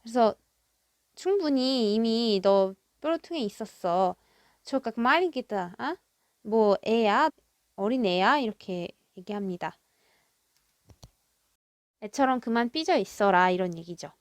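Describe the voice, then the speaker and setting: A woman teaching a language from a drama script, reading each foreign line slowly and carefully before explaining it. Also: mid-range voice, lively intonation, no echo, clean studio sound. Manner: reads foreign lines slowly and carefully, then translates.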